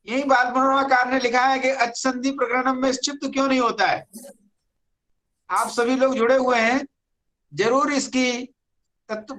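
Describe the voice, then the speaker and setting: A teacher giving an online Sanskrit grammar lecture, speaking deliberately and repeating key words. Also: mid-range voice, pushed and bright, rough recording.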